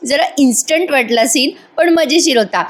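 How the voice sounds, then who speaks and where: A woman's voice: high voice, normal speed. A woman giving a casual voice-over recap of a TV serial, chatting to viewers directly and laughing often. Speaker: TV serial reviewer.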